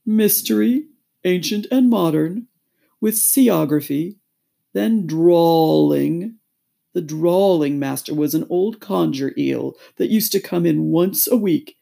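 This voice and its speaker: A woman voicing a sad, weepy old male turtle creature in a storybook, speaking very slowly and mournfully with drawn-out words. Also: lowish voice, creaky, warm tone, full character voice. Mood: slow, doleful. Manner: very slow, drawn-out, mournful delivery with sighs.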